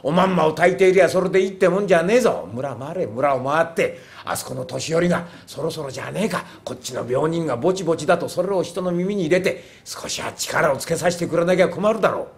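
Man doing a gruff, slangy fake priest. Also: fairly high pitch, fast talker, hardly any pauses, lightly acted. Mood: grumbling. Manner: gruff, brusque slangy speech. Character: rough, lazy fake male priest. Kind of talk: rakugo storytelling.

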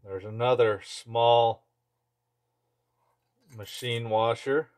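With a medium-pitched, darkish voice and a steady tone, this chainsaw mechanic and video host draws out his words while casually demonstrating at an indoor workshop bench, speaking in short, offhand phrases. Background noise and clicking tools sit under a clear recording.

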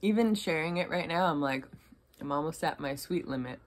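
A woman with a slightly low voice chats through a snack review. She sounds easygoing and chatty, and she teases her co-host lightly as they talk. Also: brisk. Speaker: co-host tasting food. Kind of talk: casual snack review chat.

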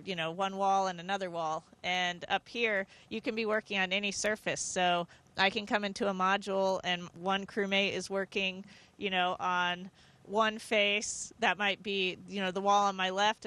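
Inside a space station module, a woman in roughly her forties talks as an astronaut being interviewed. Her voice is medium-pitched and sharp, and she explains things in a conversational way while holding a handheld microphone.

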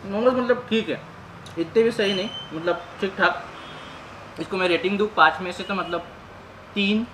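In a rough recording with slight background noise and background music, an upbeat young man from Maharashtra, India, speaks in a high voice at normal speed with long pauses. As a food vlogger doing a casual review, he's loud and chatty outdoors by a bus, then quieter and relaxed eating inside a bus restaurant.

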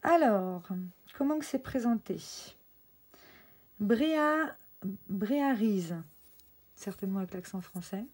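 A young woman chatting casually through an art-supply unboxing, excited and full of fillers and restarts. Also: mid-range voice, fairly quick. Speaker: craft vlogger.

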